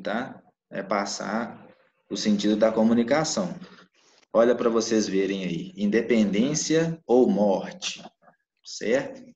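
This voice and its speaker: A man's voice: lowish voice, a little hiss or hum. A man teaching a live online class, checking in with his students with "né?" and "tá?" as he explains. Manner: explains with frequent "né?" and "tá?" check-ins. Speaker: Portuguese teacher. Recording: echoey room, dull lo-fi mic.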